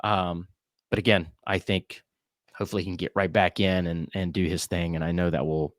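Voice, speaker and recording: A man's voice: deep voice, level tone, fairly quick, no room sound, studio quality. A man hosting a casual podcast chat, talking earnestly and conversationally. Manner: earnest and conversational, with fillers and restarts. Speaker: podcast host.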